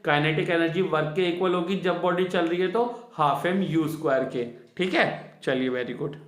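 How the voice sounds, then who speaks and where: Male physics tutor, fairly high voice, on terms, quizzing and repeating answers, echoey room. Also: normal speed. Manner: repeats each key answer twice, asks the students questions. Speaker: science teacher. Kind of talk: classroom physics lesson.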